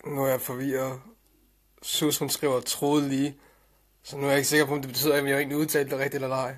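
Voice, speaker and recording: A man's voice: mid-range voice, flat delivery. A young man co-hosting a casual vlog, bantering, laughing and swearing playfully. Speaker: co-host.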